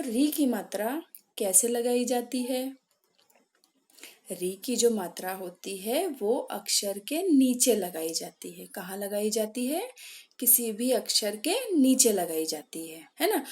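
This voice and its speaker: A woman teaching a children's class, patiently asking questions and answering them herself, and calling out example words loudly. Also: a little high. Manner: slow, patient, asks and answers her own questions. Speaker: primary school Hindi teacher. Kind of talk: online class lesson.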